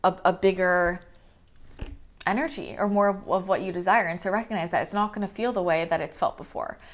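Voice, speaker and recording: A woman's voice: lowish voice, fairly even intonation, a little fast. Woman doing a chill spiritual energy reading, chatty, upbeat, says like a lot. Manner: chatty and upbeat, heavy use of "like" and "right?". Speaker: spiritual channel and mentor. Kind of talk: casual monthly energy reading.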